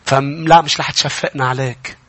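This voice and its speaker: A man with a Lebanese accent preaching a sermon, swinging from quiet, close speech to loud, impassioned peaks. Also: fairly high pitch, fairly even intonation, fairly quick. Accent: Lebanese Arabic. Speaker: pastor.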